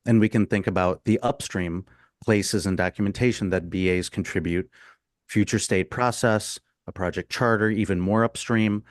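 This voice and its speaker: A man's voice: on the low side, fairly even intonation, normal speed, dry recording, studio quality. A man from the United States giving an emphatic, blunt answer on a discussion panel over a video call, building his points as a list. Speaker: panel guest, business consultant.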